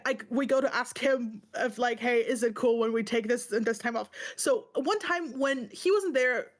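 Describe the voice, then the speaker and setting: A woman with a fairly high voice, co-hosting a book club stream, vents in casual conversation. Her talk is rambling, emphatic and exasperated, and she swears throughout, sounding stressed and upset.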